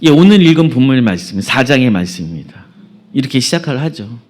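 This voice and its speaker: A man's voice: mid-range voice, very animated, fast talker, darkish tone. A male preacher giving a sermon, retelling a story earnestly and making emphatic appeals to the congregation.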